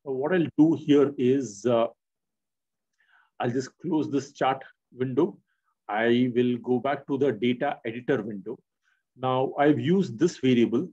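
Mellow husky man teaching software. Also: medium pitch, lo-fi sound. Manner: steady explaining, frequent "uh" and "right?" checks. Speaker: software tutorial instructor. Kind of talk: screen-recorded software lesson.

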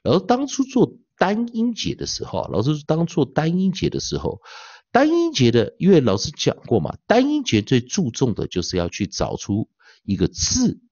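A male pronunciation teacher giving an online lecture, dotting his speech with drawn-out filler particles and slowly repeating demonstration words. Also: a little high, wildly swooping pitch, darkish tone, husky, no echo. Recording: dull lo-fi dry sound.

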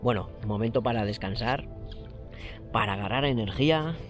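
A man's voice: medium pitch, moderate pace, over music. A man in his forties hosting a fishing vlog, talking eagerly and exclaiming often, recorded outdoors by a lake on an action camera. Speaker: fishing channel host. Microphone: action camera, close framing.

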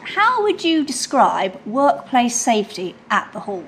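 A woman's voice: fairly high pitch, big pitch swings, a little slow, a little hiss or hum, low-quality recording. A woman playing an earnest, probing investigative reporter in a comic mock interview. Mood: questioning.

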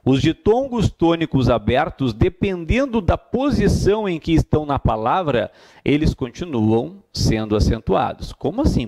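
A man's voice: medium pitch, a little mellow. A man with a Brazilian Portuguese accent teaching an exam-prep grammar lesson, emphatic, repeating key points and answering his own questions.

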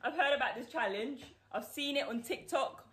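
A young woman hosting a casual family YouTube vlog, excitable and given to whooping. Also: high-pitched, moderate pace, very noisy. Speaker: YouTube host. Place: living room full of family, indoors.

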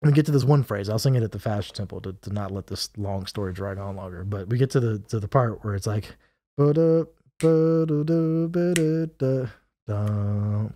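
A man guest on a podcast, telling a casual story with animated delivery, acting out other people's lines and scatting melodies. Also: on the low side, quick pace, few pauses, slightly rough, no echo. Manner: animated, acts out quotes and scats melodies. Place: podcast recording.

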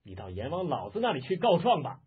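A man's voice: on the high side, wildly swooping pitch, fast, breathy edge, heavily acted. A man voicing an arrogant, brutal army officer who barks his threats. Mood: contemptuous. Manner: barking, contemptuous. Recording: muffled, phone-like lo-fi audio.

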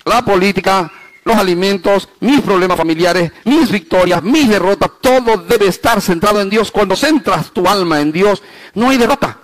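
A male pastor preaching a sermon, swinging between loud, high emphasis and hushed low passages, slowing down to stress key phrases and asking the congregation rhetorical questions. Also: low-quality recording.

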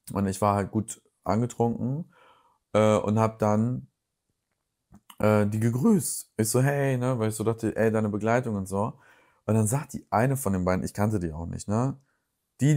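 A man's voice: lowish voice, unhurried, long pauses, a little mellow. A young German man casually recapping reality-TV gossip and animatedly retelling a personal story with quoted dialogue. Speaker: YouTuber recapping reality TV news.

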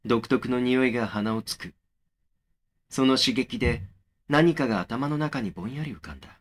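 A man voices a young male narrator in a horror audio drama, speaking at a medium pitch. He relates his own eerie memories in a measured, brooding, matter-of-fact way, sounding close to an everyday voice.

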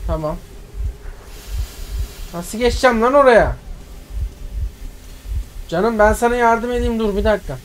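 A man talks through a game live as a streamer, narrating each move for his viewers. He gets excitable, swears freely and shouts at the action. A steady hiss of background noise sits under his voice. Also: sits high, unhurried, pauses often. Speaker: gaming streamer. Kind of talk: live gameplay commentary.

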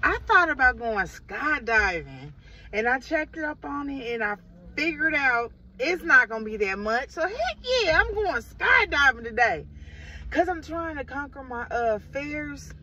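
A middle-aged woman with a Midwestern American accent chats to her viewers in a rambling, casual vlog from inside a parked car. Her voice is high and sing-song with a sharp edge, and she takes her time. She holds the phone at arm's length and sounds distant, so the audio is muffled, with light car noise in the background.

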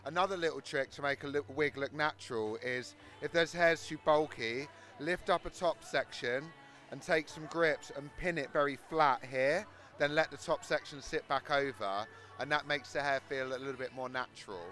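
Male hairdresser, South London accent, slightly high voice, explaining technique into a handheld mic, faint music behind. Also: normal speed, bright, forceful tone. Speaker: hairdresser demonstrating his technique. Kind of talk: explanatory interview and tutorial. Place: large exhibition hall backstage. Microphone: handheld interview microphone.

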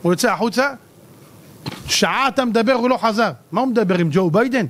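A man, a rabbi, giving a theatrical sermon who acts out the people in his stories. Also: sits high. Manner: theatrical, acts out people with shouting and mocking voices. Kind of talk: animated Torah sermon.

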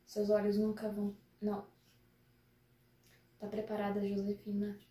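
A young woman hosting a casual live reaction, excitable and dramatic, often dropping to soft murmurs. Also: medium pitch, a little slow, a little hiss or hum. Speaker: reaction video host. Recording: echoey room with faint music.

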